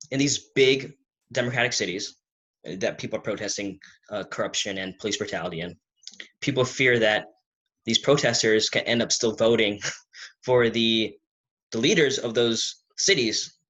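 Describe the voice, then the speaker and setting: A man's voice: mid-range voice, unhurried, pauses often, bright, forceful tone, low-quality recording. A man hosting an interview, asking long questions with many restarts and repeated words. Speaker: interview host.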